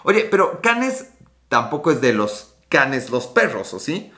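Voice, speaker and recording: Man, Mexican accent, late 30s, bright tone, rather high pitch, scattered casual chat. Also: very animated, unhurried. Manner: rambling, scattered, swears often. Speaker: livestream host. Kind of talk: casual live chat reading comments.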